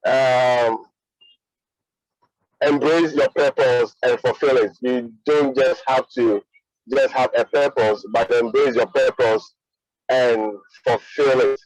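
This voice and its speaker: A conference attendee, a man, speaking from a moving car during an online call, reading back his notes in a halting way. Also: mid-range voice, no echo, poor audio.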